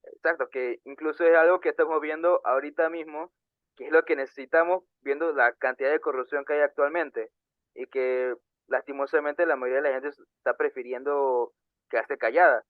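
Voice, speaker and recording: A man's voice: on the high side, steady tone, no room sound. Young man, thin tinny sound. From Panama. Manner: earnest, halting with frequent fillers and restarts. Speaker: podcast co-host. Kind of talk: casual discussion podcast.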